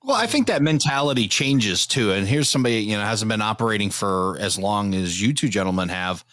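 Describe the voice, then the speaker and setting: A man's voice: lowish voice, animated, a little fast, fairly bright tone, no room sound. A man hosting a hobby podcast in a chatty, easygoing way. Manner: chatty and easygoing, laughs along. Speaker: podcast host. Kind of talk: casual podcast conversation.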